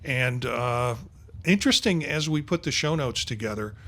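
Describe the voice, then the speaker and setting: This sixty-something podcast host leads a loose panel conversation, wandering along with plenty of filler words. He sounds animated and a bit bright, speaking mid-range at a moderate speed.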